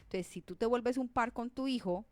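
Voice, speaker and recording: A woman's voice: fairly high pitch, normal speed, no echo. A woman psychologist with a Colombian accent giving an explanatory talk on parenting. She checks in with her listeners often and repeats words for stress. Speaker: clinical psychologist. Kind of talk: parenting talk on an online show.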